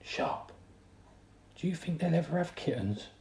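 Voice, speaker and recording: A man voicing a cheeky, excitable young male soldier who talks in loud, jokey banter. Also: mid-range voice, normal speed, close to an everyday voice. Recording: roomy echo.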